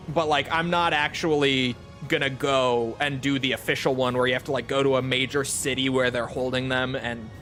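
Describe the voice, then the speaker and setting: A man with a medium-pitched, somewhat bright voice chats with viewers during a game stream. His replies ramble, lean self-deprecating, and include casual profanity.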